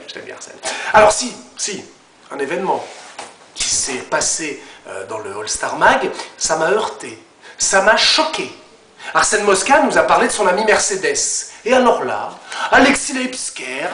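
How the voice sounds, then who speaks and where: A male comic host who rants through a recap with mockery and scorn. His voice is high and very lively. He sounds like he is in a roomy space, with faint noise behind him. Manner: mocking, animated and scornful. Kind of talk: comic rant.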